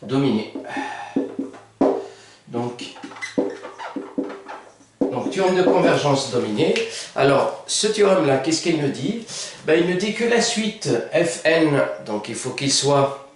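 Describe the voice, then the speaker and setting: A man's voice: fairly high pitch, expressive, a little slow, long pauses, music in the background. A man teaching a math lesson, talking it through with many fillers and self-corrections. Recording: echoey room, mic far off.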